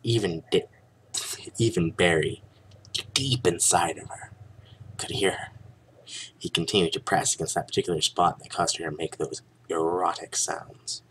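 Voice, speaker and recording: Young male narrator, deep register, hammy mock-serious dramatic delivery, some background noise. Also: steady tone, normal speed, fairly bright tone, rough recording. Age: young adult. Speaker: reader of a fan fiction story. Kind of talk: mock-dramatic storybook reading.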